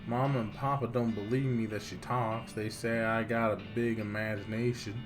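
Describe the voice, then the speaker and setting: A man's voice: on the low side, flat delivery, moderate pace, lightly acted. Man reading as a naive frontier little girl. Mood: naive, uneasy. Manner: plain childlike phrasing, read aloud. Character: young frontier girl's diary, naive, folksy, fearful. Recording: music playing behind the voice.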